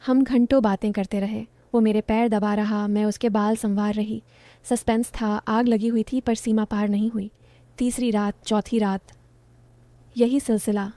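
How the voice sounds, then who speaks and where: A middle-aged woman narrating a first-person story in a steady, even way. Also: mid-range voice, measured pace, no echo.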